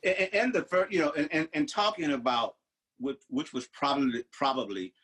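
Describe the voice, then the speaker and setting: An older American man co-hosts a podcast, rambling through stories in casual chat and restarting his sentences often. His voice is on the high side, brisk and a bit bright, with a breathy edge. The audio is poor.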